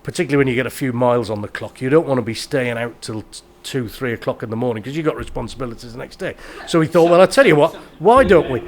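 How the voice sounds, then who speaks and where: A man's voice: mid-range voice, very fast, hardly any pauses, darkish tone. A middle-aged man, a venue owner, talking casually and telling anecdotes as an interview guest. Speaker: bar and club owner, guest.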